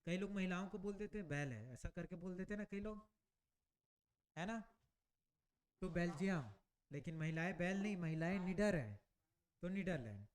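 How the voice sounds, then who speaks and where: High-voiced man teaching with mnemonics. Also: expressive, moderate pace, long pauses. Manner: asks frequent check questions to the class. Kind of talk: exam-prep class with memory tricks.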